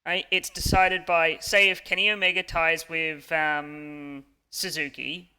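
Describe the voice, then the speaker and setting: A man's voice: on the high side, level tone, unhurried, pushed and bright, smooth. A man co-hosting a podcast, chatting eagerly and stumbling over the starts of words. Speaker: podcast co-host. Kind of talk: casual chat about wrestling.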